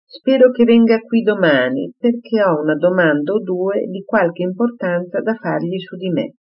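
At normal speed and with a high-pitched voice, a man reads an audiobook part of a worried, devoted elderly father who frets in a raised voice. The recording sounds slightly muffled.

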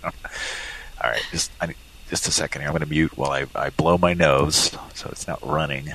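A man's voice: very deep voice, steady tone, a little fast, a bit bright, poor audio. A man hosting a live call-in show, chatting casually with sarcastic, joking asides and rambling comments between calls. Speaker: host.

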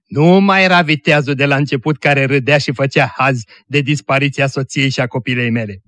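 A man's voice: medium pitch, fairly even intonation, a bit bright. Earnest man reading a moral story. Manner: earnest, deliberate, dramatic emphasis. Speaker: narrator.

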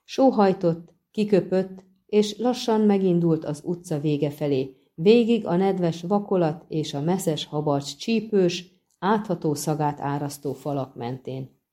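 A woman reading a fantasy novel aloud as an audiobook narrator, in a steady, measured storytelling manner. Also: lowish voice. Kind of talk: scripted narration.

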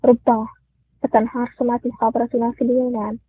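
A man's voice: very high voice, monotone, quick pace, a little hiss or hum. A man voicing an impulsive male officer in a spoken story, astonished and hasty. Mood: startled. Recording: tinny phone-like sound.

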